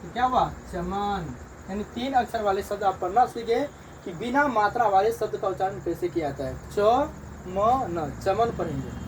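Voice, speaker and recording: A man, a teacher slowly drilling beginners through letters and sounds in a reading lesson, repeating each one. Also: high-pitched, expressive. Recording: distant mic, loud crickets and traffic.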